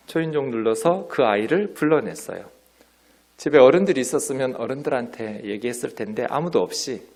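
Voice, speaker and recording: Lively Korean pastor, preaching in church. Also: male voice, medium pitch. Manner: lively preaching, drops to soft near-whispers. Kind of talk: sermon. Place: church sanctuary.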